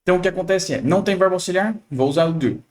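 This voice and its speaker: Brazilian guy teaching english online, kinda higher voice, chatty, keeps checking in with the listener. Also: very fast, a little mellow. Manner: chatty and explanatory, shifts intonation to model questions, checks in often. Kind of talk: casual online lesson.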